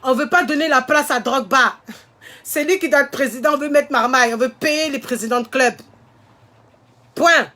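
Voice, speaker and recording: High-pitched woman, indignant vlogger rant, emphatic and repetitive. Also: moderate pace, pushed and bright. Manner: emphatic, indignant, repeats her points. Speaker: social media commentator. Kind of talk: impassioned vlog rant to viewers.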